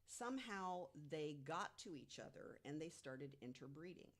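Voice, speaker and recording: A woman on a podcast panel informally relays material she has researched, speaking in a low, expressive voice. She is emphatic and deliberate, and she poses rhetorical questions.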